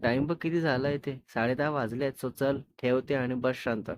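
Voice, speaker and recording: Playful young boyfriend, spoken story, man reading him, coaxing, apologetic, mid-pitched. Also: fairly even intonation, normal speed, slight background noise, lightly acted. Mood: coaxing teasing.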